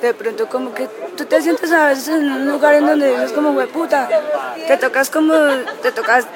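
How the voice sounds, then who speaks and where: A woman's voice: high voice, normal speed. A woman, answering interview questions bluntly and defiantly, swearing freely. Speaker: punk band member. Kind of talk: outspoken casual interview answers. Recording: loud crowd noise outdoors.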